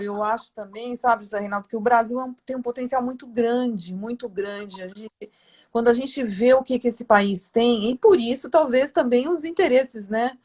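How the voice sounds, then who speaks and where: Chatty woman host with a bright voice. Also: fairly high pitch. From Santos, Brazil. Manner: chatty, rambling, with many fillers and tag questions. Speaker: interview host. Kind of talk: casual interview chat.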